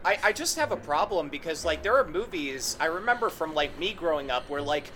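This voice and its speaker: A man's voice: a little high, animated, a little fast, sharp tone, slight background noise. A man in a casual movie review chat, rambling and filling his sentences with "like". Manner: rambling, heavy use of "like".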